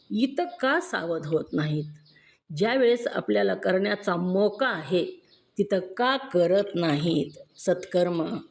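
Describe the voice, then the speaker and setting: A gravelly, slightly mellow voice on the low side belongs to a woman reading a devotional discourse in a Marathi accent. Earnest and emphatic, she keeps asking her listeners rhetorical questions.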